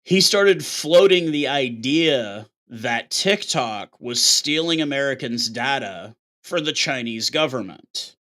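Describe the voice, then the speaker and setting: Guy ranting straight to camera, blunt and a bit sweary, bright forceful tone. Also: mid-range voice, animated, slow pace, few pauses. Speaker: show host. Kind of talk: casual monologue.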